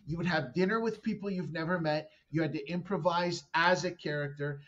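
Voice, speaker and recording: A Canadian comedian in his thirties, guesting on a podcast, tells a long story, rambling, swearing and cutting himself off mid-sentence. His voice is a little high, fairly quick and a bit bright, and the audio sounds dull.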